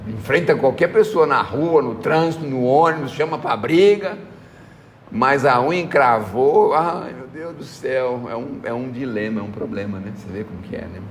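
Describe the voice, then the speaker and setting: A man's voice: mid-range voice, lively intonation, normal speed, big-room sound, a little hiss or hum. A man with a Brazilian accent giving a folksy spiritual talk, telling anecdotes, acting out voices, and asking "né?" again and again. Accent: Brazilian Portuguese. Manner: folksy storytelling, acts out quoted voices, frequent "né?". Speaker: spiritist lecturer.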